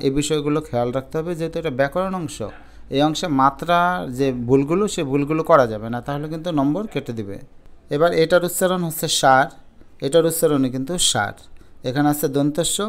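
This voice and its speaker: A male teacher explaining pronunciation rules step by step in an exam-prep lesson, slowly sounding out syllables to his students. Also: fairly high pitch, smooth.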